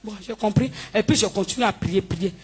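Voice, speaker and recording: A woman giving a spoken healing testimony in church, telling her story with lively, acted-out dialogue. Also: medium pitch, brisk, background noise. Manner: animated storytelling, acting out dialogue with the pastor. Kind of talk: spoken testimony before a congregation.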